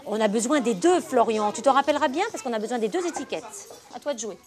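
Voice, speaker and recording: A woman's voice: on the high side, expressive, fast talker. A woman teaching a reading lesson to young children in a classroom, patient and encouraging, asking many questions. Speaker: primary school teacher. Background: children's chatter.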